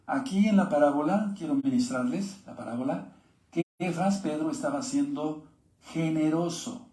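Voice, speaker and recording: A man's voice: medium pitch, warm tone, roomy sound. A man, teaching a sermon-style Bible lesson and reading scripture aloud with asides to his viewers.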